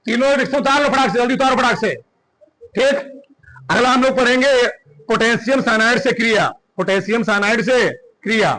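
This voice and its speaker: High, bright-voiced male teacher quizzing students. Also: rough recording. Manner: quizzing students with rapid questions. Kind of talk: classroom chemistry lesson. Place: classroom.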